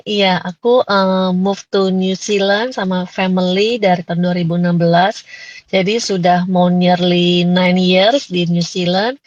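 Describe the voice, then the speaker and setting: A woman, a mother, introducing herself in a measured way on an online talk, mixing English words, over a video call. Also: mid-range voice, dry recording. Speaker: guest panelist. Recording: dull, dry lo-fi call audio.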